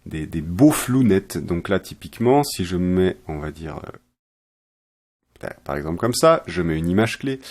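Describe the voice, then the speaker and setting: A man explaining software step by step in a chatty, self-correcting tutorial style. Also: deep voice, animated, measured pace. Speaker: software trainer. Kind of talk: screen-recorded software tutorial.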